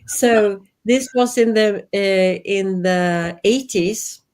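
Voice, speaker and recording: Drawn-out words, a mid-range voice and a darkish tone mark this speaker. She is a Swedish woman in her fifties with a Swedish accent, an earnest interview guest reflecting over a video call from her home office.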